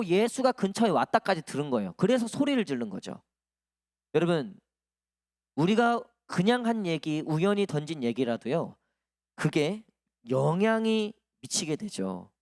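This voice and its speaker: A man's voice: high-pitched, no echo, clean studio sound. A male pastor delivering a sermon in a conversational, storytelling way to his congregation. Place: church sanctuary.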